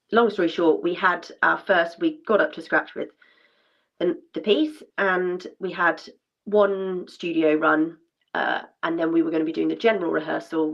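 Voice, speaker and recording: A woman's voice: low-pitched, vocal fry. A woman, a former dancer telling a personal story in a chatty way, full of fillers and restarts. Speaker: former dancer sharing her story at an event. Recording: dull lo-fi sound.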